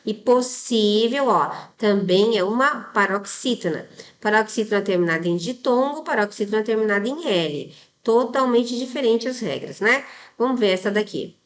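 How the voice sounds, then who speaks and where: A woman's voice: medium pitch, animated, normal speed. Brazilian woman teaching exam grammar. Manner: didactic, many tag questions, spells out rules step by step. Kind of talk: explaining exam answers.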